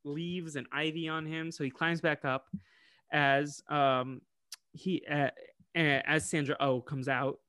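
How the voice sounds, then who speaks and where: At a slow pace, an American man with a smooth, slightly high voice co-hosts a podcast, chatting casually through an episode recap. He's animated, acting out the characters' lines. Studio quality, no room sound.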